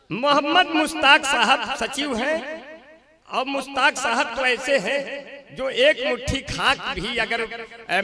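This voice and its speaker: A man performing as a poet at a large gathering, reciting couplets and singing some of them in long, drawn-out lines, with jokey asides in between that swell loud on the punchlines. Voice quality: high-pitched, drawn-out sung couplets. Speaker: poet at a mushaira. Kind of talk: poetry recital with banter, partly sung. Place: outdoor poetry gathering with a large crowd. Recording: crowd noise behind a stage mic. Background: audience crowd.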